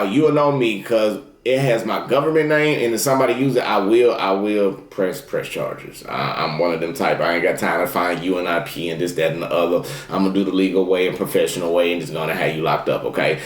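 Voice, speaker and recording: A man's voice: lowish voice, roomy sound. Man giving a casual tarot reading. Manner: repetitive affirmations, folksy and direct. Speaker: tarot reader.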